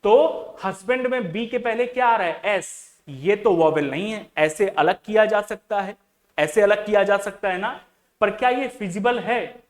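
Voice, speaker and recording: A man with a voice that sits high leads an exam-prep reasoning lesson, questioning his students and repeating key words. He mixes English terms into his speech.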